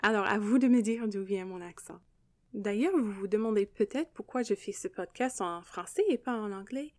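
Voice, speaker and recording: A young Canadian woman with an English-speaking accent, French not her first language, hosting a gentle, earnest devotional podcast. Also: medium pitch, moderate pace, dry recording.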